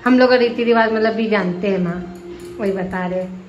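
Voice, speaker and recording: A woman's voice: medium pitch, moderate pace, highs cut off, music in the background. A young woman vlogger chatting at home, talking straight to her viewers. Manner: chatty, addresses viewers, laughs often. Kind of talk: casual vlog chat. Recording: echoey room.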